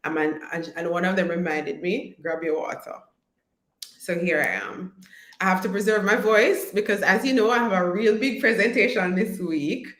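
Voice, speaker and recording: A woman, hoarse after an illness, talks casually to viewers on her live stream and greets them by name as she coaches. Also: mid-range voice, normal speed, fairly bright tone. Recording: roomy echo.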